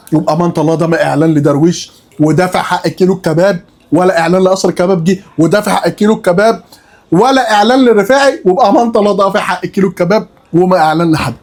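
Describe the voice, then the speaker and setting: A young man with an Egyptian accent reviewing food in a casual vlog, animated and joking, often exclaiming in surprise as he tastes. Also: fairly high pitch. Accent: Egyptian Arabic.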